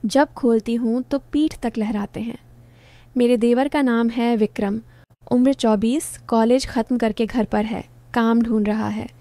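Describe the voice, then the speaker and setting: A woman narrating a story in the first person, steady and unhurried in short phrases. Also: a little high, no room sound.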